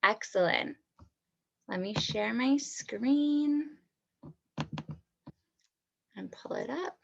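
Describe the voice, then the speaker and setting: A woman's voice: on the high side, extremely slow, creaky, a bit bright, muffled recording, slight background noise. A woman teacher giving an online read-aloud lesson to young children, asking them questions and praising their answers.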